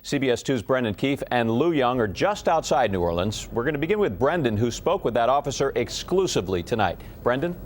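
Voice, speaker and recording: A man's voice: mid-range voice, sing-song, brisk, hardly any pauses, slight background noise. A male TV news anchor with a mid-range voice reads scripted introductions. The delivery is formal broadcast news.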